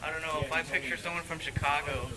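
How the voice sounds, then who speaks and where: A man's voice: on the high side, fairly even intonation, fast talker, rough recording. A man joking and teasing his friends in casual conversation. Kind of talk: casual banter.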